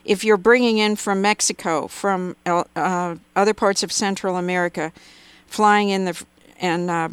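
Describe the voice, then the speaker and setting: A woman's voice: medium pitch, clean tone, no echo. A woman speaking as a guest in a radio interview, giving long run-on answers with emphatic asides. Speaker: interview guest, policy commentator.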